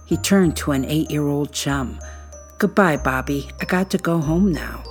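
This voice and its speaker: Woman, deep voice, suspenseful crime show narration, measured delivery, dramatic pauses, music underneath. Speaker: podcast host and narrator.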